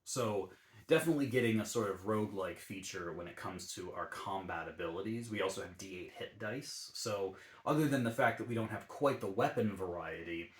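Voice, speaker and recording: A man with a fairly low voice walks through a tabletop character build, easygoing and explanatory, pausing on ums and uhs. His voice carries a noticeable roomy echo, as if recorded in an untreated room. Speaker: YouTube D&D channel host. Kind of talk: relaxed tabletop game class guide.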